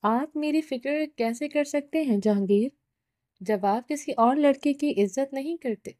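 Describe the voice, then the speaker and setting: Lady doing a young woman crying and begging, high mellow voice, dry audiobook read. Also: no echo, lightly acted. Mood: tearful. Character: young woman, heartbroken and pleading.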